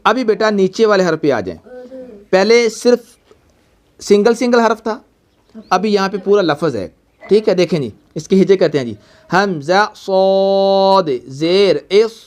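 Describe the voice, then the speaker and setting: A man with a Pakistani Urdu accent teaching a Quran reading lesson, patiently spelling out sounds slowly and often checking that the student follows. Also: sits high, lively intonation. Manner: patient, repeats checks like "okay?", slow drawn-out spelling for the child to echo. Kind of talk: recorded online reading lesson.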